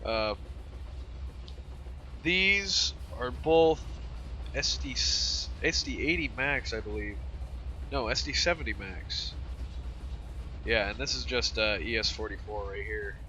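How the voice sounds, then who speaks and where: A man giving casual game commentary, rambling and thinking aloud, with train engines rumbling behind him. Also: takes it slowly, pauses often, soft background music. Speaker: gamer showing a train simulator. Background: loud train simulator engine noise.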